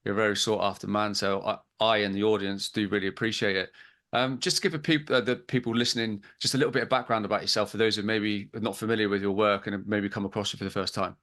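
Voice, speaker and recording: Flat-toned host calling his guest brother. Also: on the low side, fast talker. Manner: effusive, calls guest brother, rambling questions. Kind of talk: interview over video call.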